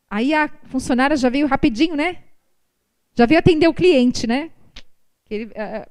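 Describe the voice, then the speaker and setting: Brazilian woman, high voice, religious talk, animated storytelling, prayer group mic. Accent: Brazilian Portuguese. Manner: animated storytelling, tag questions after every point. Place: prayer group meeting room. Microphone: microphone recorded for an online stream.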